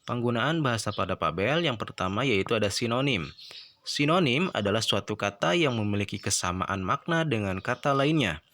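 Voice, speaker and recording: A male teacher giving a recorded lesson, explaining step by step and often checking in with a quick "ya". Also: lowish voice, expressive, fairly bright tone.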